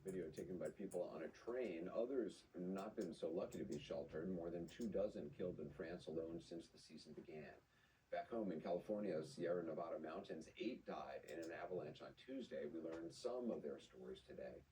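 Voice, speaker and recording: Deep, mellow male news anchor. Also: brisk. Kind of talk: broadcast news narration. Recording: faint noise, slightly distant.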